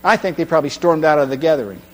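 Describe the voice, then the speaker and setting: A man preaching a sermon, retelling a story dramatically and swinging from hushed tones to loud cries. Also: on the high side, very fast. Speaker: pastor. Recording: long hall reverb with mains hum.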